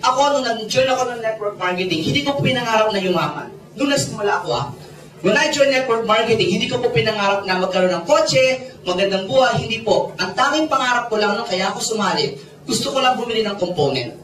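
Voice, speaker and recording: A man in his forties with a Filipino accent, a network marketing mentor telling stories to a seminar audience, animated and joking with the crowd. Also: high voice, fast. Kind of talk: Taglish seminar storytelling. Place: seminar hall with a large audience. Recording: echoey hall, distant mic, loud crowd.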